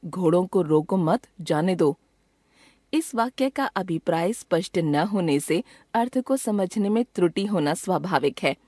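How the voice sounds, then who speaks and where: A woman reading a grammar lesson as scripted textbook narration, measured and slow on each example sentence. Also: lowish voice, expressive, dark tone, husky, dry recording, studio quality. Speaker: grammar teacher.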